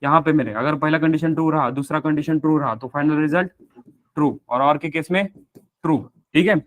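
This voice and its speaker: A man's voice: fairly high pitch, a little fast, a bit bright. A man teaching a live programming class, explaining step by step, mixing in English technical terms and asking the students rhetorical questions. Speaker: programming instructor. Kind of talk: live classroom coding lecture.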